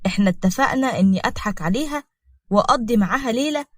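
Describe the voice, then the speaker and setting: A woman's voice: a little high, animated, fast, dry recording, studio quality. A woman voicing a hesitant married man, wary of a scheme, in Egyptian Arabic.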